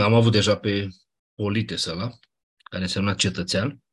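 A male teacher lectures on grammar in a patient, step-by-step way. His voice sits low and has a husky edge. He often pauses to check that the class follows and clears his throat now and then. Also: fairly even intonation. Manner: patient explaining, frequent checks like "da?".

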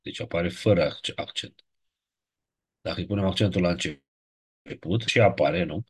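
A man's voice: deep voice, slightly rough. A man teaching a grammar lesson, patiently reciting word forms step by step and checking in with short questions. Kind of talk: ancient Greek grammar lesson.

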